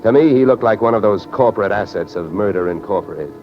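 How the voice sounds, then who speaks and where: An American man, the lead actor and narrator, plays a wry, sardonic hard-boiled insurance investigator in the style of 1940s-50s radio detective dramas. He talks fast in a lowish voice with lively intonation and vocal fry, narrating wryly. The recording is a dull old radio recording with music.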